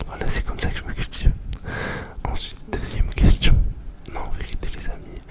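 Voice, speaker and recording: A young man doing ASMR, chatting informally in a breathy whisper right in the listener's ear, very close to the microphone. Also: moderate pace. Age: young adult. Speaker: ASMR video host. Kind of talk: ASMR, informal question-and-answer chat.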